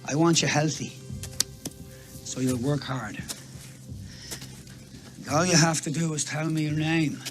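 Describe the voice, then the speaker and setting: An actor playing a harsh male slave overseer who coaxes, then barks orders and shouts them over and over, heard on a film soundtrack with music under it. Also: fairly high pitch, fairly even intonation, measured pace, pauses often, close to an everyday voice. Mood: coaxing.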